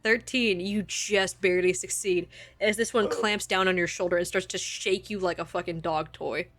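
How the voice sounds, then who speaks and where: A woman's voice: on the low side, fairly even intonation, moderate pace, fairly bright tone. A woman acting as game master, narrating a tabletop game in a casual way with easy laughs between rules calls.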